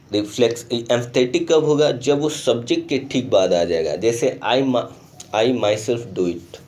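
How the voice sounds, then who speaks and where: A man teaching grammar in a recorded online class speaks at a medium pitch with a slightly mellow tone. Screen-recorded, he explains patiently, uses English terms throughout, and regularly pauses to check on his students.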